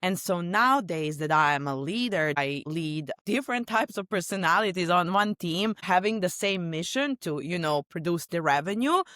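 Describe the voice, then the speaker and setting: A woman's voice: on the low side, animated, normal speed, hardly any pauses, fairly bright tone, dry recording, studio quality. A woman from Serbia with a Serbian accent, a guest on a podcast talking openly in loose, chatty phrases. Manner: chatty and open, talks in loose run-on phrases. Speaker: podcast guest, sales leader. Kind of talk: casual podcast conversation.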